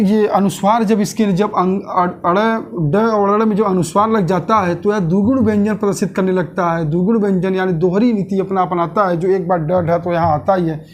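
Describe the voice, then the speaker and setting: This high, slightly mellow male voice belongs to an online grammar teacher. He puts questions to the class, supplies the answers on his own, and repeats important terms at a slow pace.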